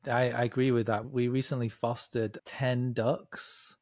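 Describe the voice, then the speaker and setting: A man's voice: medium pitch, level tone, a little slow, dry recording. A middle-aged man from the north of England hosting a casual interview, effusive and enthusiastic. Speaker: host.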